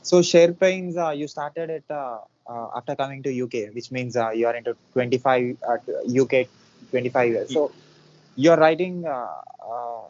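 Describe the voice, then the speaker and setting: Male interviewer, halting, lots of fillers, dull lo-fi audio, a bit off-mic. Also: mid-range voice, a little mellow. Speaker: interviewer, host. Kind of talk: casual interview questions.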